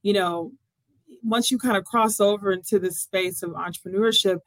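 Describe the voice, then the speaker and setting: A woman hosts an interview with a mid-range voice, chatty and warmly affirming toward her guest. The sound is dry and close, with no room echo. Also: medium pitch, normal speed. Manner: affirming, chatty, laughs easily. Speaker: interviewer, host. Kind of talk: conversational interview.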